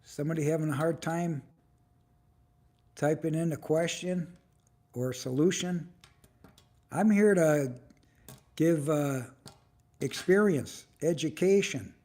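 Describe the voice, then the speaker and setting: A man in his seventies hosting a casual livestream, chatting with viewers and firing off quick questions. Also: on the high side, a little mellow. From United States. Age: 70s. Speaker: livestream host.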